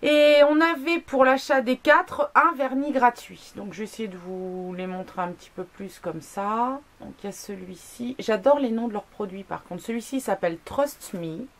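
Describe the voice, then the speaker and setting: A woman's voice: fairly high pitch, moderate pace, hardly any pauses. A woman vlogging a casual product review, chatty, with many fillers, asides and self-mocking jokes. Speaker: beauty blogger.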